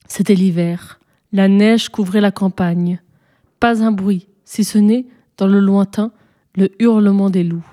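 A woman narrating a folk tale expressively, slowing and hushing her voice at tense moments. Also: medium pitch. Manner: expressive, dramatic pacing, hushed at tense moments. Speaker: storyteller. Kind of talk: scripted story narration.

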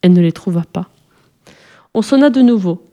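A woman reading a children's storybook aloud as narrator, calmly and evenly. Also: on the low side, fairly quick.

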